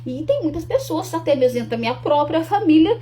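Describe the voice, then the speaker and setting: A young woman talks earnestly and directly to the camera. Her voice sits a little high but sounds mellow and warm. She often restarts her sentences and adds tag questions, while a faint hum runs underneath. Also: sing-song, fast. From Rio Grande do Sul, Brazil. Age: young adult. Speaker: speaker promoting her talk. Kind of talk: casual to-camera talk.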